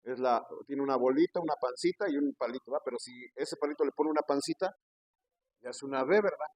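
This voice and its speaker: A man's voice: mid-range voice, fast talker, dry recording, low-quality recording. A man with a Mexican Spanish accent, a pastor preaching a sermon who keeps addressing the listener as brother and asking rhetorical questions. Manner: preaching, peppers speech with "hermano" and rhetorical questions. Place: church.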